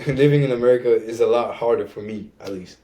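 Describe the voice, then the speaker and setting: Over a low-quality recording, a young adult from Rwanda converses casually as a podcast guest in a medium-pitched, mellow voice, moving a little fast. His first language is a Rwandan language, he also speaks French, and he says "you know what I'm saying" a lot.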